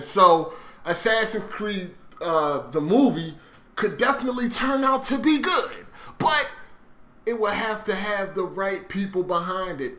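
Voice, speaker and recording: A gaming video host offers casual, opinionated commentary in a fairly high, pushed, bright voice. He's blunt and swears freely, repeatedly checking in with the listener, and the recording has a roomy, echoey sound.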